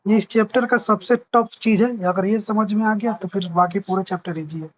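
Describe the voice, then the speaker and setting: A man's voice: sits high, steady tone, fairly quick, lo-fi sound, a little hiss or hum. A man teaching a physics lesson, patiently repeating points and checking that his students understand. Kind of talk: explaining a lesson.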